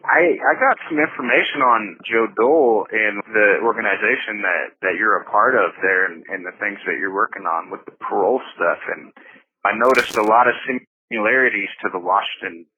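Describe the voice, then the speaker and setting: A man's voice: fairly low pitch, moderate pace, breathy edge. A man hosting an interview over a prison payphone line, talking in a plainspoken, earnest way with frequent restarts. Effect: tinny prison payphone line. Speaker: interview host. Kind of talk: casual interview talk. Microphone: payphone handset. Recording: tinny phone line.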